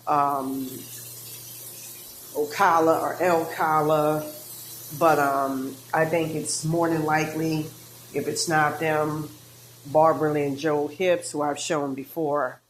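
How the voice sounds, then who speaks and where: A woman reading tarot, talking in a halting, rambling monologue with many fillers and restarts, woozy and out of breath. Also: deep voice, steady tone, slight background noise. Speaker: tarot reader.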